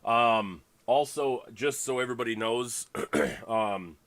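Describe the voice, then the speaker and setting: A man's voice: deep voice, fairly even intonation, normal speed, a bit bright, no echo. Congested man hosting a casual livestream. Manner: rambling, full of fillers and restarts. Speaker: fantasy league host.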